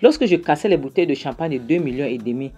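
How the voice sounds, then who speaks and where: A woman voicing a cocky, washed-up man who rambles and defies his former friend, in a low voice. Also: lively intonation, fast talker, warm tone, slightly rough, highs cut off, soft background music. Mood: defiant, rambling. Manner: rambling, defiant. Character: cocky washed-up man lounging where he shouldn't.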